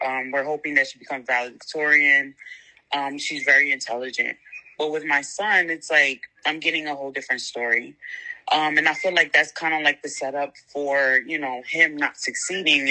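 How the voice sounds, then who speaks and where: A woman from the Bronx calls in to an advice show. Her voice is very bright and forceful. She speaks earnestly and haltingly, searching for her words. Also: low voice, rough recording. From the Bronx, New York. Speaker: caller. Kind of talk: phone-in call.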